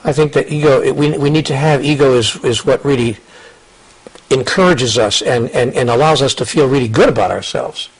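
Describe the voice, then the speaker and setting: Earnest older man, husky voice. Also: mid-range voice, fairly quick, low-quality recording. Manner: earnest, repeats words and restarts, quotes others in lively asides. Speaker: interview guest, author. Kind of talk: reflective conversational storytelling.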